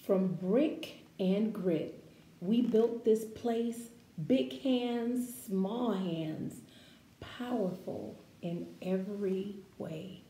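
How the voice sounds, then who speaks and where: Reading a picture book for a kids' story hour, this woman speaks at medium pitch, deliberate and expressive. She pauses for casual asides and questions to her little audience, in a room with echo and faint background noise.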